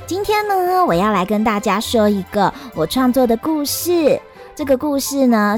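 A woman's voice: fairly high pitch, darkish tone. A woman storyteller narrating a children's story in a sing-song manner, speaking directly to the kids.

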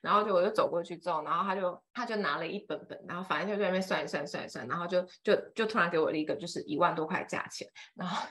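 A woman's voice: lowish voice, racing, few pauses, fairly bright tone. A woman, co-hosting a casual chat and telling a rambling story full of fillers. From Taiwan. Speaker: podcast co-host.

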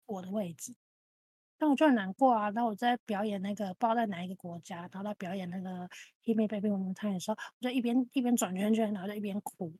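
A woman's voice: mid-range voice, fast, dry recording. A woman in her thirties, a podcast co-host, telling a long anecdote in casual chat, repeating phrases as she goes. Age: 30s. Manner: animated storytelling, repeats phrases.

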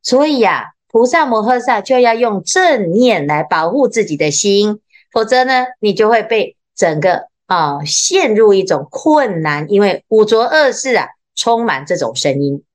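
A woman with a Taiwanese Mandarin accent, a Buddhist nun giving a dharma talk in a lively way, full of little interjections, slowing down to read sutra lines. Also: mid-range voice. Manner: slows down when reading sutra lines. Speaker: Buddhist nun teaching scripture.

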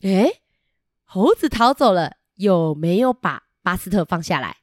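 A woman with a Taiwanese Mandarin accent reading a picture book aloud to children, asking them lively questions. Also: on the low side, moderate pace, no echo, clean studio sound. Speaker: children's storyteller.

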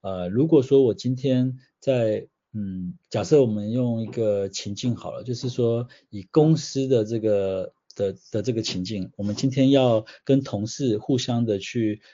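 A man speaks in a low, husky, mellow voice. He explains patiently, using everyday examples. The audio sounds slightly dull. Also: measured pace, hardly any pauses. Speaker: guest, systems change consultant. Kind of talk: explanatory interview answers.

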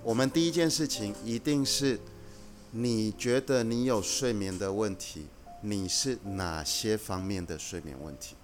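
Low-voiced man explaining earnestly. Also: a little slow, soft background music. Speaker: guest, company executive. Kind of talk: casual podcast conversation.

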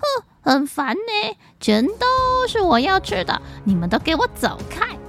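Woman voicing a squeaky greedy storybook cockroach. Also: huge pitch swings, measured pace, a bit bright, soft background music, full character voice. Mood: annoyed, selfish. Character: greedy, selfish male cockroach in a children's story.

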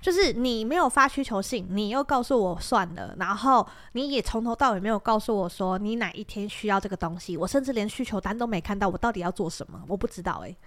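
Woman, Taiwanese Mandarin accent, young adult, quick talker, dry close sound, animated storytelling. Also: medium pitch, dry recording. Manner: animated storyteller, acts out quoted bosses, laughs often. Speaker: podcast co-host. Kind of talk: casual chat, storytelling.

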